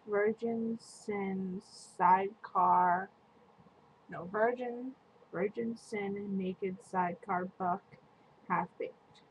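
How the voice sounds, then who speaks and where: A woman's voice: mid-range voice, steady tone. A woman talking through a casual makeup product review in a chatty, meandering way. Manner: chatty, slow and meandering, lots of "like". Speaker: beauty vlogger. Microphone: webcam. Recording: faint room noise on a webcam mic.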